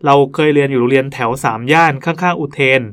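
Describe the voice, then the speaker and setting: A man's voice: fairly high pitch, fast talker, fairly bright tone, clean tone. A male podcast host reading listener ghost stories aloud in a chatty way, stopping now and then to comment. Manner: chatty, breaks off to joke and comment.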